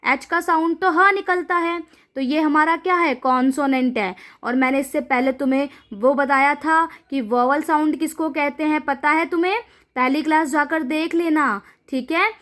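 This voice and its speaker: A woman with a high voice teaches young children to read, asking each question and then giving the answer herself. She spells words out letter by letter, slow and drawn out, in a patient classroom manner. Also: fairly even intonation, a bit bright. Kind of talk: children's phonics lesson.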